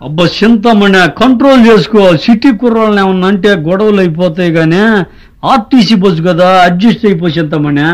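A man's voice: high voice, brisk, lightly acted. A man doing a coaxing, placating husband.

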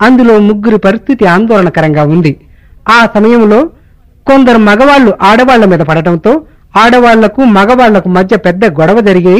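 A man's voice: sits high, poor audio. A man doing a mock radio newsreader. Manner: formal, measured announcing. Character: pompous male radio newsreader. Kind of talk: mock radio news bulletin.

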